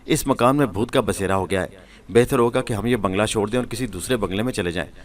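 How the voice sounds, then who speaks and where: A man's voice: lowish voice, far from the mic, lightly acted. A man voicing a nervous, stubborn husband in a spoken story. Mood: worried. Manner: anxious insistence.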